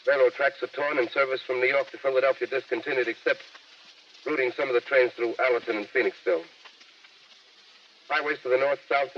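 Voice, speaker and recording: An actor playing a grave male studio announcer reading urgent news bulletins in a 1930s radio drama, heard through an old AM radio broadcast. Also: mid-range voice. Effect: old AM radio broadcast sound. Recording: distant, muffled 1938 radio broadcast with hiss.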